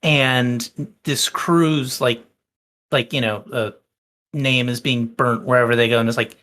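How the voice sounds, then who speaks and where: Male co-host, mid-pitched; rambles with excitement, curses casually, keeps restarting his sentences. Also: unhurried. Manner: rambling, excited, swears freely. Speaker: podcast co-host. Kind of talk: casual chat.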